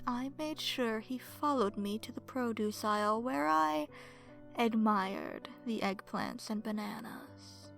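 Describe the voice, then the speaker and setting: In an ASMR horror story told in first person, a woman plays a seductive, smug, predatory vampire. Her fairly high voice is sultry and breathy, slipping into whispers.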